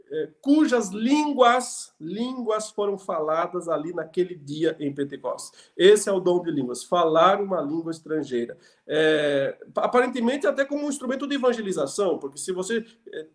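A man preaching and teaching from the Bible, explaining verse by verse, often asking rhetorical questions. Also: high-pitched.

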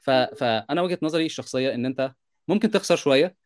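A man in his thirties with an Egyptian Arabic accent, co-hosting a podcast, telling animated stories in quick bursts and checking in with his listeners. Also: medium pitch. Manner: animated, rapid storytelling with repeated "you understand?" asides. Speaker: podcast co-host, software developer. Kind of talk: casual podcast discussion.

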